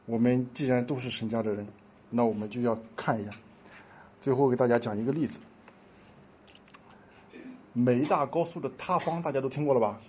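A man preaching a sermon, telling a story with impassioned swings between loud pleading and hushed asides. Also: medium pitch, a little fast, pauses often, slight background noise.

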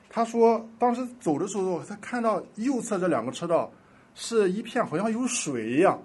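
A man preaching a sermon, telling a story with impassioned swings between loud pleading and hushed asides. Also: high-pitched, husky.

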